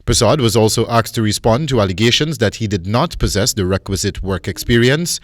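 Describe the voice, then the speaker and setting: A man's voice: lowish voice, expressive, fairly quick, slight background noise. A man with a Guyanese accent reading scripted narration as a news reporter.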